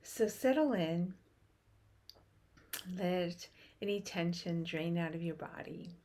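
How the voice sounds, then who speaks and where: A woman's low, gentle voice leads a meditation, trailing off toward a whisper. She offers brief phrases with long silences in between, and a faint hiss or hum can be heard.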